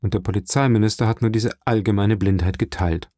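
An earnest courtier duke, voiced by a male narrator. He pleads in a low, steady voice. The recording is dry and close. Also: a little fast, no room sound, close to an everyday voice.

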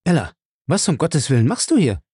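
A man voicing a defensive, hasty young man who answers briskly. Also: fairly high pitch, sing-song, warm tone, breathy edge, no room sound, studio quality, pitched above the performer's own voice.

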